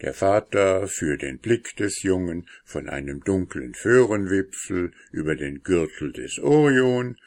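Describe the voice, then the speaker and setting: A man reading a children's story aloud in a lively, expressive way. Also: deep voice.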